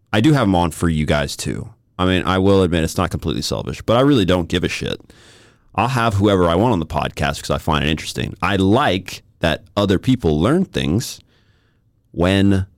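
A man's voice: low-pitched, no echo. A young man hosting a solo podcast from a studio, rambling and joking at himself in an irreverent way. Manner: rambling, irreverent, self-mocking. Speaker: podcast host. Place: recording studio. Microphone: studio microphone.

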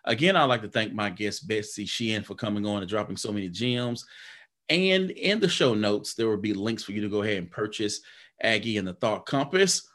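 Animated and fairly quick, with a low, fairly bright voice, this podcast host chats loosely through an interview, restarting often and leaning on fillers. At the end he turns upbeat, rallying his listeners in the show's sign-off.

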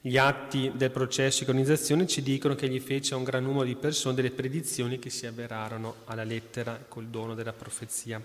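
Male preacher, mid pitch, reads a saint's life aloud with soft asides; long hall echo. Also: flat delivery, fast, few pauses. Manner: reads then drops into quiet conversational asides. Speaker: priest reading a saint's life.

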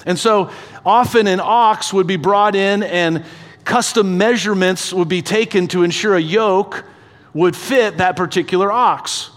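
A man preaching a sermon in an earnest, conversational way, asking the audience questions and slowing down, sometimes dropping to a hushed voice for emphasis. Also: sits high, long reverb tail. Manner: slows down and drops to a soft, hushed voice for emphasis. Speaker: pastor.

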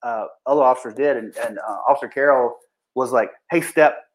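A police officer, a man, recounts events in a casual, blunt voice. His speech is peppered with profanity and false starts, and he re-enacts what others said. His voice sits at an ordinary pitch for a man. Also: fairly quick, low-quality recording. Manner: profane, blunt, restarts sentences often; acts out what people said in raised voices. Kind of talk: casual storytelling.

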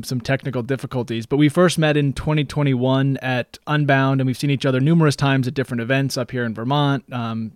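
A man's voice: mid-range voice, clean tone, no echo, clean studio sound. A man hosting an interview podcast, asking long, meandering questions full of "you know". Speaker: podcast host. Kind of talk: casual interview.

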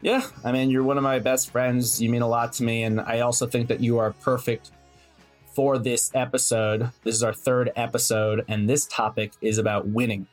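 A man's voice: mid-range voice, little pitch movement, normal speed, faint music behind. A man hosting a sports podcast, reading a scripted introduction and asking interview questions in an earnest, enthusiastic way. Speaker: podcast host.

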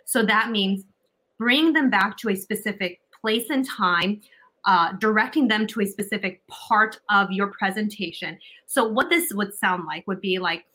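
A woman's voice: medium pitch, unhurried, sharp tone, rough recording. A woman being interviewed as a communication coach, giving emphatic advice and often checking in with "right?". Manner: emphatic, repeats key points.

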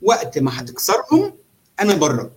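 A man with an Egyptian accent giving a casual live walkthrough as a trader, explaining in an animated way and often checking that the listener follows. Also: a little high, moderate pace. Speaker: trader demonstrating chart analysis.

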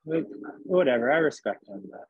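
A man's voice: mid-range voice, expressive, fairly quick, vocal fry, slightly rough, no echo, phone-quality sound. A man from New Jersey, a musician guest, chatting casually in a rambling, joking way with lots of fillers. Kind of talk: casual interview chat.

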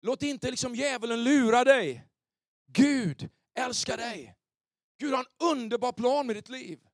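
A male pastor preaching an animated sermon in a church, often checking if the congregation is with him. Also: extremely high pitch, no echo, clean studio sound. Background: soft keyboard pads.

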